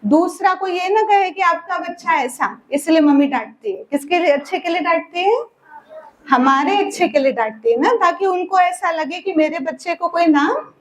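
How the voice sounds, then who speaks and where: A woman who teaches spirituality at a children's summer camp tells a group of kids a story during a lesson, her voice high. She keeps asking them quick questions, pausing for replies, and draws out important words in a sing-song manner.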